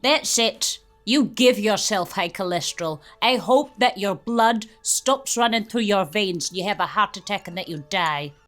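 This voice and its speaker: Woman doing a fake scottish old-teacher accent, ranting and crude while reacting to a film, normal mid pitch. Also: expressive, normal speed, few pauses, a bit bright, soft background music. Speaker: reaction video host.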